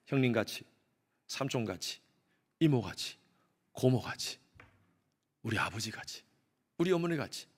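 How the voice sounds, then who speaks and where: Middle-aged guy pastor preaching, kinda high gravelly voice, loud bits then quiet asides, does voices for quotes. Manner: emphatic, swings between loud stresses and hushed asides; acts out quoted speech in voices. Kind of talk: Sunday sermon. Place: church sanctuary.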